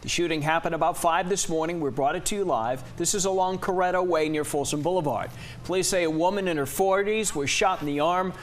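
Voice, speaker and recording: High-pitched American male news anchor. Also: brisk, slight background noise. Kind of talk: scripted television news delivery.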